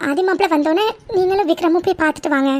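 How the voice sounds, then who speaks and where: Woman doing a cartoon mother, middle-aged, reassuring, very high voice. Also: racing, darkish tone. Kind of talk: cartoon voice acting.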